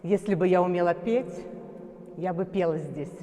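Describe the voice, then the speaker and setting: A woman guiding viewers on a tour from inside a huge underground stone cistern, with a booming cavern echo around her voice. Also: moderate pace, dark tone. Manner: addresses viewers as friends. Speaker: tour guide. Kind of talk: guided tour narration. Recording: long echoing reverb of a big stone cistern.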